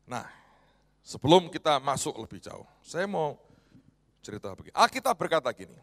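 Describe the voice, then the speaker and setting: A man preaching in a big, echoing hall, his voice bright and ringing with a long reverb trailing after it. He is a pastor delivering a provocative sermon, swinging between loud outbursts and hushed asides, his pitch leaping up and down all the time. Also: big pitch swings, brisk, creaky.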